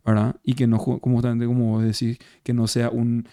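Reflective Paraguayan man with a dark voice. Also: medium pitch, monotone, a little fast, no room sound, clean studio sound. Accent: Paraguayan Spanish. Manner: reflective, many restarts and tag questions. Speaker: actor guest. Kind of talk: casual interview chat. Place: bar or café over beers.

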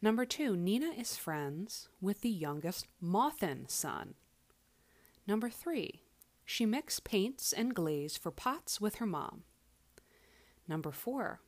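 A woman podcast host with a lower voice delivers a monologue commenting on books. She's away from her usual setup, recording in an echoey room that serves as a makeshift space.

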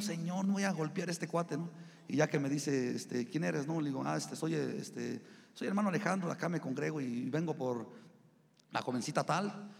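Mexican male pastor, high voice, chatty storytelling sermon, reverberant church hall. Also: vocal fry, a little mellow. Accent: Mexican Spanish. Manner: conversational preaching, addresses listeners as brothers. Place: church sanctuary.

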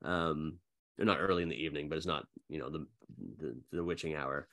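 A man running a tabletop game as game master, narrating in a casual, halting, informal way. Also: rumbling low, steady tone, a bit bright.

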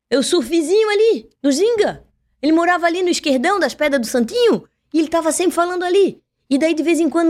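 A fairly high-voiced woman chats as a podcast guest. She is a TV presenter and talks in a playful, animated way and laughs easily. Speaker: TV presenter and journalist, interview guest. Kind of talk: casual podcast interview.

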